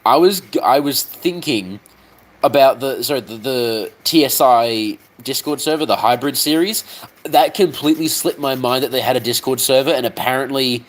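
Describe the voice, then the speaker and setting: A man's voice: medium pitch, moderate pace, low-quality recording. A young man with an Australian accent, chatting casually while he works, swearing often and filling gaps with ums as he tries to remember things. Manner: swears freely, lots of ums and trailing off. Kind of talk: casual rambling chat while working on a model.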